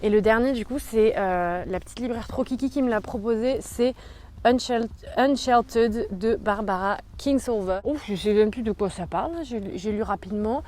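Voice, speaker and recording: A woman's voice: a little high, moderate pace, darkish tone, a little hiss or hum. A young woman chatting casually about books she bought, full of slang and fillers. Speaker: book vlogger. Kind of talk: casual book haul chat.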